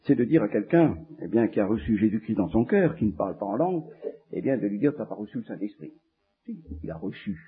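A man preaching a sermon, animated and repeating phrases for emphasis. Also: lowish voice, fast talker, husky, phone-quality sound.

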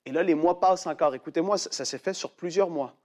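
Animated preacher, high-pitched man. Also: fast talker. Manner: animated storyteller who acts out quoted voices in a much higher pitch. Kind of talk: sermon storytelling.

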